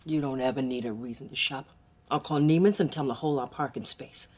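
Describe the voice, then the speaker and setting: A woman's voice: a bass voice, brisk, a little mellow. An actress playing a proud, doting middle-aged mother in a sitcom, motherly and wry. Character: proud, doting woman, grown daughter's mother. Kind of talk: sitcom acting.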